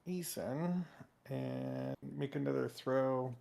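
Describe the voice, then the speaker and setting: Slow, gravelly man at the game table. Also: mid-range voice, dark tone. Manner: slow, halting, with pauses. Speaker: player.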